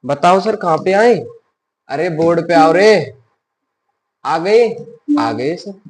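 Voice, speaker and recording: Male teacher with a high voice, giving a biology lesson, quizzing the class and answering himself softly. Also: animated, slow pace. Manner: asks questions and answers them himself in a softer voice; mixes in English science terms.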